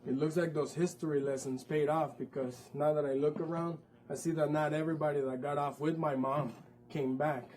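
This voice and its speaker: A man's voice: a little high, fairly even intonation, a little fast, a little mellow, slight background noise, low-quality recording. A man narrating his own story in a one-man stage show, vivid and with wry asides. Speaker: performer.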